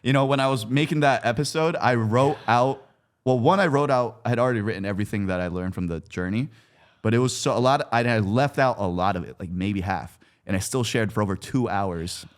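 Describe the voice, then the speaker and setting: A man in his twenties, a content creator appearing as a podcast guest, talks briskly in a medium-pitched voice. He speaks candidly and informally about his personal life, using slang and some swearing.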